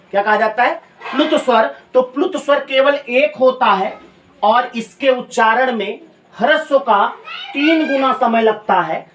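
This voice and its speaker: A man teaching Hindi grammar in a classroom lecture. He asks the class questions, answers them himself, and repeats key phrases slowly so students can take notes. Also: very high-pitched, a bit bright. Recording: echoey room, voice from a distant mic.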